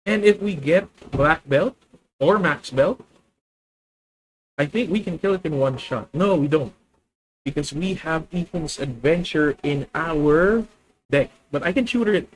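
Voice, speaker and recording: This is live card game commentary from a man in the Philippines with a Filipino accent, who thinks aloud and talks with viewers as he plays on stream. He speaks at a measured pace with frequent pauses in a slightly high voice, and the audio is poor.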